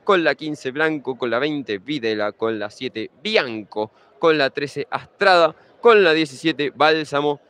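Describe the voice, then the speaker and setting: In a fairly high, expressive voice with a fairly bright tone, a young Argentine Spanish speaker delivers conversational futsal pre-match talk. He covers the league table and lineups at a measured pace with few pauses.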